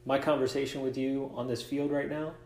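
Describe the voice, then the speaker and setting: A man's voice: mid-range voice, little pitch movement, brisk, a little mellow, slight background noise. A man hosting a casual interview about coaching, reflective, asking long rambling questions. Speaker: podcast host, coach and author. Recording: echoey room.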